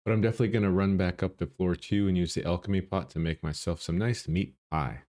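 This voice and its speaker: With a dark, bassy morning voice, a gaming channel host chats through his own run at a quick pace. He thinks aloud while playing and often makes fun of himself.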